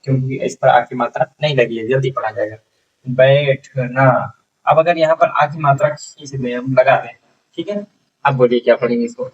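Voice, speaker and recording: A man teaching a beginners' reading lesson, sounding out syllables slowly, repeating each word and often checking that the class follows. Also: medium pitch, breathy edge, far from the mic, dull audio.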